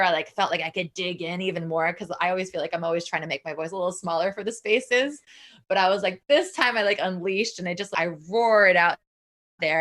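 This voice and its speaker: On a podcast, a woman in her thirties from Puerto Rico, who sings and leads a band, talks enthusiastically in a relaxed interview. Her voice is lowish and a touch bright, and she fills her speech with "like" and the odd restart.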